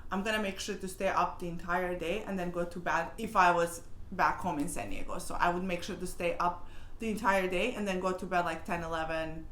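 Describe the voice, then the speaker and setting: A woman's voice: lowish voice, brisk, fairly bright tone. Woman, 30s, casual vlogger with chatty list-style delivery; roomy recording with light background noise. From Serbia. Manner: chatty and rambling, lists tips with restarts. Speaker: travel vlogger. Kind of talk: casual talking-head advice vlog. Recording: echoey room with faint ambient noise.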